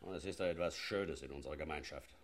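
A man's voice: a bass voice, fast. An actor playing a zealous policeman who gloats about using force in a satirical sketch. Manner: gloating, leering, lively. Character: zealous male riot policeman, relishing force. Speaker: policeman character.

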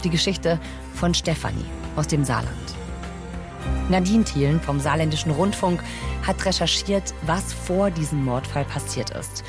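Low-voiced woman hosting a news podcast. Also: a little slow, music in the background. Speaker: podcast host. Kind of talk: scripted news podcast narration.

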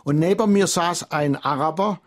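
A man speaking as an expert guest on a radio call-in, explaining in a measured, lecturing way. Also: on the high side.

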